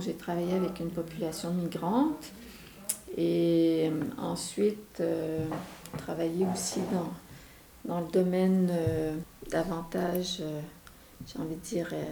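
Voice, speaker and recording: Québécoise woman, gravelly, hesitant. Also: fairly low pitch, warm tone, slight background noise. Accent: Québécois French. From Quebec, Canada. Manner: hesitant, many fillers and restarts. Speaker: co-founder interviewed as guest. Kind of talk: radio interview, casual explaining. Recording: echoey room.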